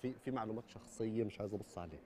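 A man with an Egyptian accent playing a nosy stranger who coaxes in a low, hushed voice in a comedy sketch. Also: racing, natural voice. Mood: coaxing. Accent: Egyptian Arabic.

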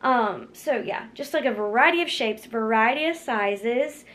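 Filmed up close in her kitchen, the young woman chats cheerfully in a fairly high, fairly bright voice with lively intonation and a slightly slow pace. She leans heavily on fillers like "um" and "like" in this casual vlog.

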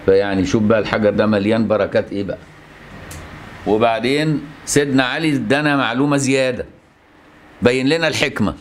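Fast-talking Egyptian scholar teaching. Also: male voice, mid-range voice, a little hiss or hum. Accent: Egyptian Arabic. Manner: explains with rhetorical questions and filler "what". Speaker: Islamic scholar teaching hadith. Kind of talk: religious lesson.

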